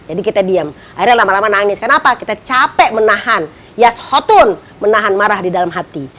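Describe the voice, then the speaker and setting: A middle-aged woman giving a lively religious talk as a preacher on a television show, acting out the quoted people she talks about. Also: a little fast. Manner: animated, acts out quoted wives with high teasing voices. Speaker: ustazah, religious speaker.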